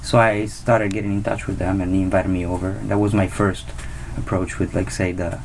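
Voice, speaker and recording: This is a man. His voice sits on the low side, and he answers at an easy pace, often restarting his sentences. A faint hiss stays behind him. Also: rough recording. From Italy. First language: Italian. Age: 30s. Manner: relaxed, unhurried, with restarts. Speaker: guest musician. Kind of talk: casual interview.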